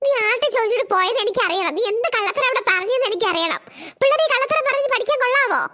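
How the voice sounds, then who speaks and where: A woman voicing a furious mother who scolds her daughter and shouts threats in a cartoon. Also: very high voice, expressive, racing, full character voice. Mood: angry.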